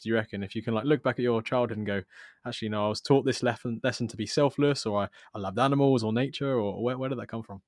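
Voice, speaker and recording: A man hosts the podcast in a lowish voice, firing out his words quickly. The sound is dry and close, and he rambles and rephrases as he shapes each question. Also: dry recording. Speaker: podcast host. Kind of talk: conversational interviewing.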